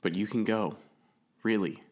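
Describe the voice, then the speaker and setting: This is a fearless, spirited young girl monster hunter from a spooky audiobook, played by a man. Her voice is eager and earnest. The delivery sits on a deep base that lifts into higher, brighter tones as her excitement builds. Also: measured pace, natural voice. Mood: gentle, earnest.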